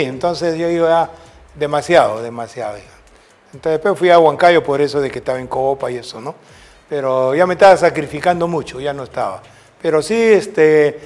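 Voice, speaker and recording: This older man from Peru speaks with a fairly high, slightly mellow voice and a Peruvian Spanish accent. A former football coach, he rambles through anecdotes in a storytelling interview, frequently closing with a quizzical "right?".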